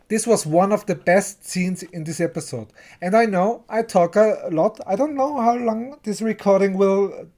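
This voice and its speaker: Slowly and with a mid-range, slightly mellow voice, an English speaker recaps and reviews a TV episode in a casual way. The delivery is chatty and halting, with repeated words and lines from the characters performed aloud.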